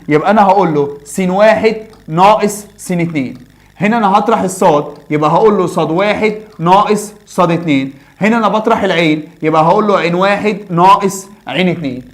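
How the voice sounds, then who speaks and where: A young man with an Egyptian Arabic accent teaches a math lesson at a quick clip. His voice sits a little high for a man. He keeps it chatty, asking his class questions and answering them himself.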